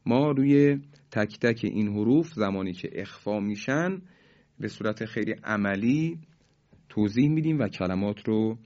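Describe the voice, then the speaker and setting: A man's voice: medium pitch, a little mellow. Formal man teaching recitation, muffled recording. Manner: slow, drawn-out recitation of examples, asks listeners to repeat; polite, formal teaching phrasing. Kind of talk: tajweed lesson with recited examples.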